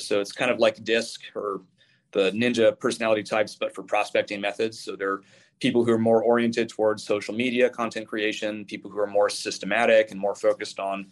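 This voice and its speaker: A man in his thirties, a real estate broker being interviewed, articulate but often restarting words. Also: on the low side. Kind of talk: casual interview.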